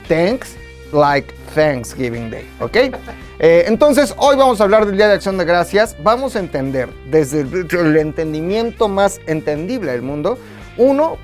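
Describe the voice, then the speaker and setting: A man's voice: sits high, expressive, normal speed, a little mellow, faint music behind. A man with a Mexican accent hosting a joking podcast, playful and slangy with theatrical turns. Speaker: podcast host.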